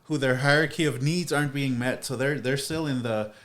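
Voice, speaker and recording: A man with a medium-pitched voice is a guest in a casual podcast chat. He thinks out loud in a reflective way. He is blunt about it and swears easily. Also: brisk.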